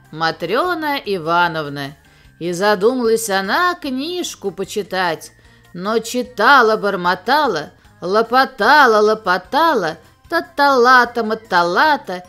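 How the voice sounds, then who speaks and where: A woman narrating children's verse tales in an expressive sing-song way. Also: medium pitch. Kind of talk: storybook reading.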